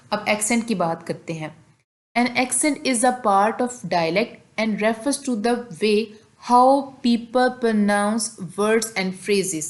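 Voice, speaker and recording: Woman slowly explaining a linguistics lesson. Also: medium pitch. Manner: reads English definitions slowly, explains them in Hindi-Urdu. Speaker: teacher. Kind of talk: lecture on linguistics, reading definitions.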